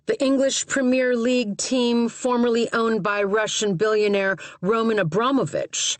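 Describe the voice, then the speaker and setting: A woman's voice: a little high, fairly even intonation, normal speed, dry recording, pitched above the performer's own voice, natural voice. A woman voices a cocky woman special agent with a wry, needling delivery. The voice is lifted somewhat above her narration. The recording is dry and close. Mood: taunting. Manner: wry, taunting.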